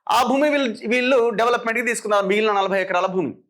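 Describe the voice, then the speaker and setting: Fast, high-pitched sarcastic Telangana commentator. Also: male voice, fairly even intonation, a bit bright. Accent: Telangana Telugu. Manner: sarcastic, combative rhetorical questioning. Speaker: political commentator. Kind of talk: opinionated political commentary.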